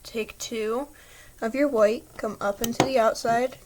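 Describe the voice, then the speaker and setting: A woman's voice: a little high, fairly even intonation, unhurried, background noise. Chatty woman giving craft instructions. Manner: patient, chatty instructions with small slips and apologies. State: slightly throaty, clears throat. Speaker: craft tutorial maker. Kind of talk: step-by-step craft tutorial.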